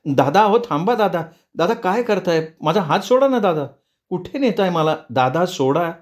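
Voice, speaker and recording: A frightened young woman from a spoken storybook, pleading to be let go, as a male narrator puts her on. The voice is pitched well up, and each line comes out fearful and imploring. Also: animated, normal speed.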